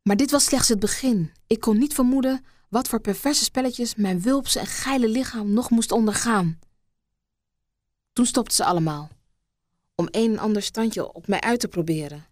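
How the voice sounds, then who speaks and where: A woman reading an erotic story aloud in a soft, hushed voice that slips into whispers. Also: on the high side, moderate pace, dry recording, studio quality. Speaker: narrator.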